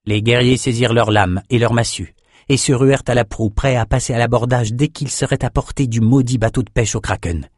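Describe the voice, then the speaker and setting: A man reading a fantasy novel aloud as an audiobook narrator, in a steady, measured way. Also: mid-range voice, dry recording, studio quality. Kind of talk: scripted narration.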